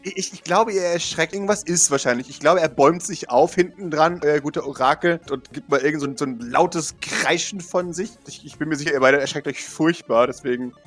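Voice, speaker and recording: A man's voice: fairly high pitch, a little fast, hardly any pauses, a bit bright, faint music behind. A man running a tabletop role-playing game as game master, narrating playfully and laughing often.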